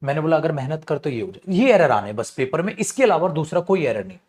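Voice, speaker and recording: A man with a Hindi accent teaching English grammar in an online class, animated and scolding, calling his students beta. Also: on the high side, fast.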